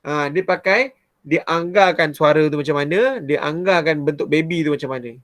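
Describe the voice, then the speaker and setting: A man with a Malaysian Malay accent, a primary science teacher explaining a lesson to his pupils in a chatty, animated way. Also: on the high side, normal speed, no echo, studio quality. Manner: chatty and animated, often starting with "ha".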